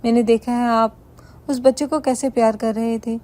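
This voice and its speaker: A woman voicing a heartbroken young wife who shouts her accusations. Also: a little high, steady tone, natural voice. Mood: furious.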